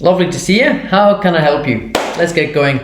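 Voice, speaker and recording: A man's voice: fairly high pitch, a little fast, slight background noise. A man playing a teacher in a homemade drama, earnest and quoting literature aloud. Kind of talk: amateur video drama. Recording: echoey room.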